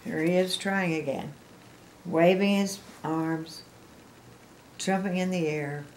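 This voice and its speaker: An older woman reads a picture book expressively to small children, explaining the pictures and speaking directly to the listener. Her voice is fairly low, slow and a little mellow, on a rough recording with slight hiss or hum.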